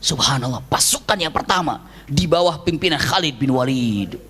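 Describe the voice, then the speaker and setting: A man preaching by lively storytelling to mothers, animated and jokey, into a microphone. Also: mid-range voice, moderate pace. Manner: animated, jokey, acts out scenes. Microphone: handheld microphone.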